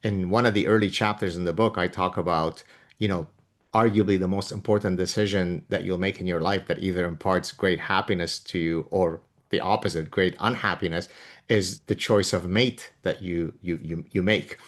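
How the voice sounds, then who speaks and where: A man's voice: low voice, steady tone, moderate pace. A man with a Lebanese, Levantine Arabic accent hosting a conversational interview in an explanatory, professorial manner. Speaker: podcast host and author.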